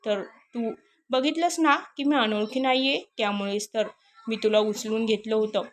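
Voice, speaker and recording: A woman's voice: a little high, steady tone, moderate pace, a little hiss or hum, close to an everyday voice. A woman voicing a teasing young male boss. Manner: playful, pushy, chatty. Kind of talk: storybook narration.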